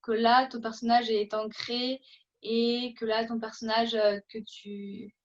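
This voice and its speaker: A woman with a fairly high voice hosts a casual interview on acting. She talks hesitantly, full of fillers and restarts. The recording sounds dull and lo-fi. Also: level tone, takes it slowly.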